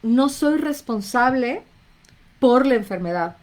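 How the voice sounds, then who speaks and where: A woman's voice: fairly high pitch, expressive, slow, a little mellow. A woman with a Mexican accent, a therapist talking to viewers on a live stream in a casual, conversational way and greeting them by name. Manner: conversational, reads out viewers' names, acts out little inner voices.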